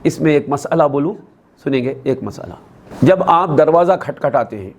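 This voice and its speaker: A man's voice: expressive, vocal fry. Man preaching with rhetorical questions. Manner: rhetorical questions to the audience, repeating answers; acts out quoted dialogue with raised pitch. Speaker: Islamic scholar preaching. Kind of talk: sermon. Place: religious gathering.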